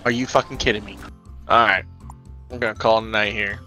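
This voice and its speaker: A man playing a video game with a friend, swearing and erupting into furious yelling. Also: lowish voice, fairly even intonation, fast talker, soft background music, poor audio. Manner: explosive profane yelling. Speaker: gamer. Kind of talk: gameplay chat.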